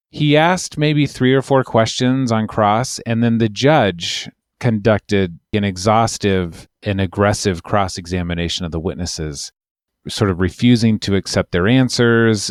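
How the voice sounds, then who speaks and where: A man's voice: on the low side, measured pace, dry recording, clean studio sound. A man, an immigration lawyer, telling a long, wry, rambling story in casual podcast chat.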